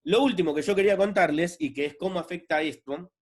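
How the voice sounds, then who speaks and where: A man's voice: sits high, fast. Argentine man explaining film craft. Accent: Argentine Spanish. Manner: relaxed, conversational, frequent "¿no?" and fillers. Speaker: film director giving a masterclass. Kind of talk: explanatory lecture.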